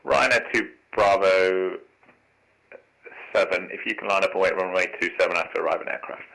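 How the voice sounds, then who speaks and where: A man's voice: sits low, moderate pace, gravelly, fairly bright tone, poor audio. A man working as an air traffic controller, giving courteous standard instructions over aviation radio.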